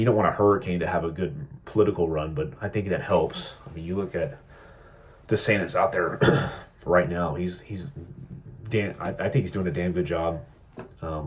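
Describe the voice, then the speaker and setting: A man's voice: low voice, a little mellow. A man giving casual political commentary in a vlog, sarcastic and joking, rambling with lots of fillers. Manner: mocking impressions of politicians. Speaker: political vlogger.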